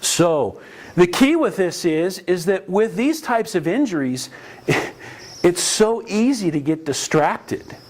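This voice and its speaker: A man's voice: high-pitched, expressive, slow, darkish tone. Man lecturing a class on first aid. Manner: conversational, anecdotal, with frequent restarts. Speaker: EMS instructor. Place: training classroom.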